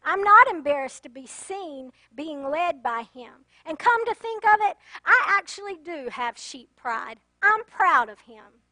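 A woman's voice: extremely high pitch, expressive, a little slow, few pauses, no echo, full character voice. A woman voicing a humble, loving sheep in a story told during a sermon. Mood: tender. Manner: gentle, earnest.

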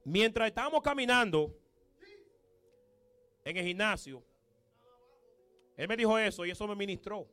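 Male preacher, very high pitch, emphatic and repetitive sermon. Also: expressive, moderate pace, long pauses, sharp tone, faint music behind. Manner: emphatic, repetitive, punchy exclamations.

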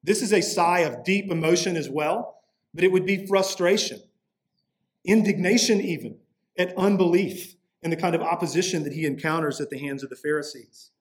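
Man, pastor preaching, earnest, emphatic, slightly higher voice. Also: normal speed. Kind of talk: sermon.

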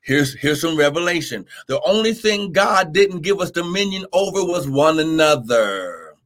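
Emphatic male preacher, slightly high-pitched. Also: animated, normal speed, a bit bright. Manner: emphatic and exhortative, with repeated phrases and interjections. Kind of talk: impassioned live-streamed Bible sermon.

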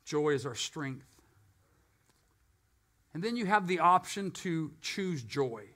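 A man preaching a live sermon to a congregation, swinging from loud and emphatic to quiet and low, with joking asides. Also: animated, slow pace. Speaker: pastor.

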